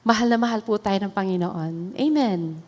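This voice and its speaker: A woman pastor with a Filipino accent giving an earnest sermon testimony, switching between English and Tagalog and laughing softly now and then. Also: mid-range voice, normal speed. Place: church hall. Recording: long reverb of a hall.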